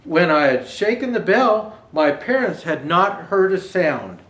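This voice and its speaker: Unhurried and high-pitched, a man reads a Christmas story for kids in an expressive storyteller manner, raising his voice for quotes and offering casual asides. The audio has a roomy echo with faint background noise.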